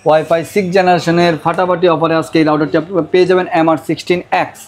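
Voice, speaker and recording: A Bangladeshi man gives a hard-sell sales pitch in a high voice. He rattles along quickly as the presenter, insistently repeating prices and offers. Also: little pitch movement. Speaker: router seller presenting deals.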